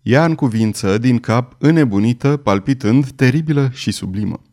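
A male narrator reads a dramatic novel chapter aloud. His voice sits at a middle pitch for a man, and his reading is measured and emphatic. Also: darkish tone. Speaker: audiobook narrator.

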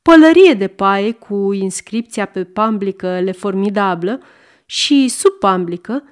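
A woman reading a story aloud with lively, expressive narration. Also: medium pitch, clear, resonant tone. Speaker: reader.

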